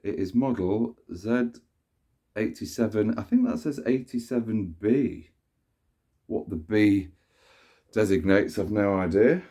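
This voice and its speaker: A stuffy-nosed man with a warm, lowish voice speaks a little slowly, pausing often, as he casually presents a vacuum cleaner in a sunny room. He films it up close by hand, rambling and correcting himself as he goes.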